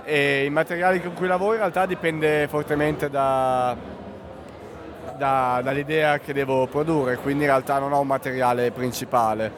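A man's voice: mid-range voice, fairly even intonation, normal speed, a crowd in the background. A man from Italy with an Italian accent, an art student answering interview questions thoughtfully and searching for words.

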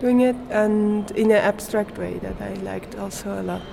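A woman's voice: medium pitch, fairly even intonation, moderate pace, vocal fry, dark tone, a little hiss or hum. A young Swiss woman whose first language is German, answering interview questions in English, often hesitating to find words and laughing lightly. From Switzerland. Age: young adult. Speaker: guest artist.

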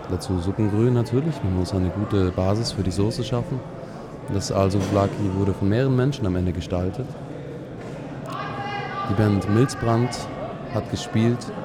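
A man hosting a student radio broadcast live, announcing in a dry, wry way with improvised asides. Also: fairly low pitch. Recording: loud crowd noise behind. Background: crowd chatter.

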